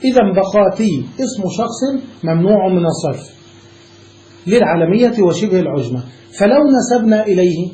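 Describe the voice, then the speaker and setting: A man's voice: high-pitched, warm tone. A sheikh teaching a classical grammar lesson. He explains step by step and often checks that his students are following. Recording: echoey room with faint noise.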